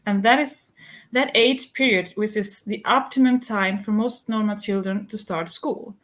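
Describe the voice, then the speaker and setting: A woman in her thirties from Iceland, a homeschooling mother answering interview questions in a measured, methodical way, point by point. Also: mid-range voice, fairly even intonation. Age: 30s.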